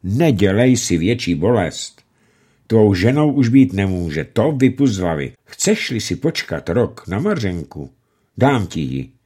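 A man reading the part of a stern, pious old farmer father who speaks firmly and gravely. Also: fairly low pitch, sing-song, warm tone. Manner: firm, grave and emphatic.

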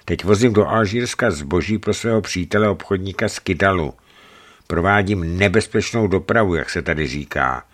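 A man's voice: sits low, fairly bright tone. Man reading as a blunt ex-legionnaire trucker. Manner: blunt, matter-of-fact bargaining. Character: gruff middle-aged male ex-legionnaire trucker, shrewd.

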